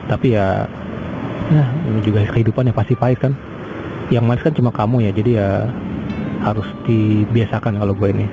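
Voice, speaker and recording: A man's voice: fairly low pitch, steady tone, fairly quick, lo-fi sound. Rambling young man, traffic noise behind. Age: 20s. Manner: rambling, hesitant, many fillers and restarts. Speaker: podcaster. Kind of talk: casual personal monologue.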